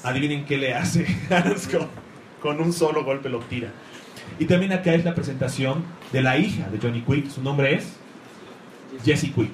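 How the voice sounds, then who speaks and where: A man's voice: medium pitch, moderate pace. A man giving an enthusiastic talk about comics to a live audience, rambling and searching for words. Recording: echoey room, faint noise.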